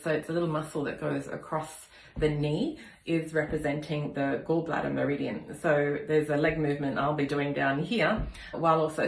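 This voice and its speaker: A middle-aged woman with a cold, calmly explaining and demonstrating a kinesiology balance on herself. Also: sits low, vocal fry. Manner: calm, explanatory, counts slowly. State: has a cold. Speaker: kinesiology practitioner. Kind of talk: demonstration with instruction. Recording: echoey room.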